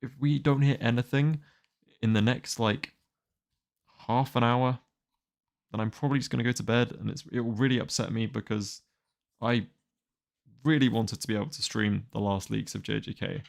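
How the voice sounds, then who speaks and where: Gravelly twenty-year-old man streaming. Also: mid-range voice, fairly even intonation, moderate pace, pauses often. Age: 20s. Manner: rambling, wry and exasperated. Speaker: manga reaction streamer. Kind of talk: casual live-stream chat.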